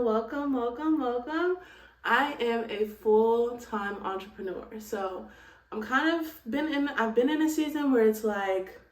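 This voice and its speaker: A woman vlogging casually to her phone, candid and reflective, peppering her talk with "like" and "girl". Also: a little high. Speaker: lifestyle vlogger. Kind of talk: casual vlog chat. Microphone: phone camera. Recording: roomy sound from away from the phone.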